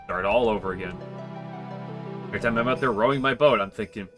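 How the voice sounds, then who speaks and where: A man's voice: on the low side, fast talker, lightly acted. Breezy, grumbling ferrywoman for a visual novel game, read by a man, folksy and stiffly amateur in delivery, music underneath. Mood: weary grumbling. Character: breezy, chatty slacker ferrywoman grumbling about her job.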